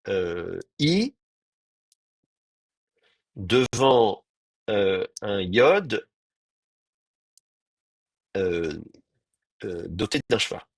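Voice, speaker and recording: Husky, hesitant male teacher. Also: fairly low pitch, no echo. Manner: hesitant, thinking aloud with many pauses and restarts. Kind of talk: live online class lecture.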